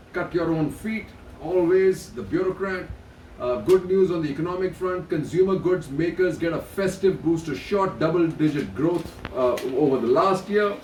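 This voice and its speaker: A man's voice: fairly high pitch, darkish tone, recorded from a distance, slight background noise. A middle-aged man reading news headlines and adding blunt opinions in casual commentary, with hesitant restarts between items. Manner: reads headlines then adds blunt asides. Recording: echoey room, voice off-mic, faint ambience.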